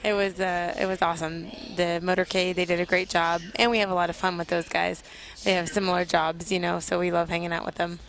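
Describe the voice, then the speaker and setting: A woman's voice: on the low side, little pitch movement, brisk, creaky, fairly bright tone. A woman from a military flight team giving live air show commentary as an interview guest, explaining things informally.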